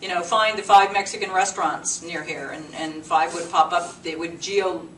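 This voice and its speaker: Her voice is fairly low, steady and a bit bright, moving at normal speed as she presents at a business meetup. The workshop is informal and conversational, with plain explanations for a small group in a meeting room. Sound comes from a distant mic, roomy and with clear noise.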